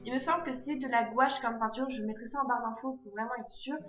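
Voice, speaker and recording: Woman, fairly high voice, halting craft voice-over, echoey room, guitar music underneath. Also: fairly even intonation, muffled recording. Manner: hesitant, full of fillers and self-corrections. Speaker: DIY craft vlogger. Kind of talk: DIY tutorial voice-over.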